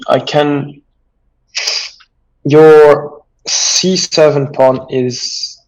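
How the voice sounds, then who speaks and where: A mid-pitched man talks slowly and haltingly through chess ideas, stopping to correct himself. His voice has a gravelly edge. He sounds like he is thinking out loud in a casual chat. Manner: hesitant, lots of fillers and self-corrections. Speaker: chess sparring partner. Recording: poor-quality microphone.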